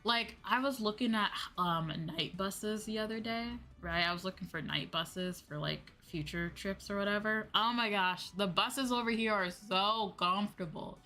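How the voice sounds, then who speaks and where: With background music running, this American VTuber streamer and host talks informally and rambles in slang to her livestream audience. Her medium-pitched voice keeps a moderate pace with few pauses and sounds pushed and bright.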